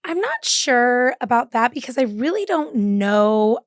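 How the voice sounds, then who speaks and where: Agreeable mother guest, slightly high voice. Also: big pitch swings, a little slow, no echo, clean studio sound. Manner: agreeable, frequent affirmations and laughs. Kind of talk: casual chat.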